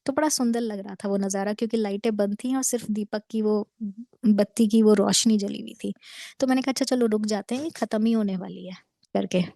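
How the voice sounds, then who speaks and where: A woman in her thirties earnestly telling a devotional story to a congregation, mixing in English words and dropping to a hush at tense moments. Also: medium pitch, fairly even intonation, fairly quick, gravelly, no room sound. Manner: drops to a hushed near-whisper at tense moments. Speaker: devotee sharing a testimony. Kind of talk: devotional satsang testimony.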